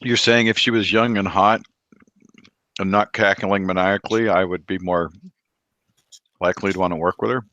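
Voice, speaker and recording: A man's voice: sits low, fairly even intonation, moderate pace, pauses often, sharp tone, dull audio. A man talking casually as a player in a tabletop game.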